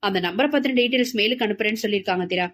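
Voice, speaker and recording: A woman voicing a blunt, impatient young man in an audio novel, speaking quickly and brusquely. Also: medium pitch, fairly bright tone, natural voice.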